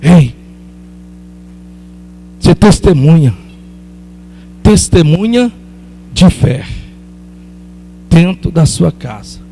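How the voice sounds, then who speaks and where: A man preaching an impassioned sermon as pastor, fervent and rising to loud exclamations. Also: a little high, animated, extremely slow, pauses often, slight background noise.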